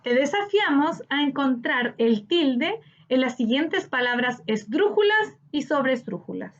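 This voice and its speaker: A woman teacher with a Chilean Spanish accent, slowly explaining a grammar lesson to children and stretching words out syllable by syllable. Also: high voice, a bit bright. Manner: slow, clear, syllable-by-syllable teaching delivery. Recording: slightly dull lo-fi audio.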